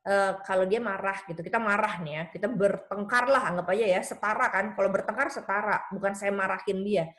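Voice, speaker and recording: A woman pastor giving a conversational seminar talk, telling lively stories and jumping up in pitch whenever she quotes someone. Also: a little fast. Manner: lively storytelling that leaps high in pitch when quoting others; conversational, with frequent tag phrases. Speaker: pastor and speaker on children's faith.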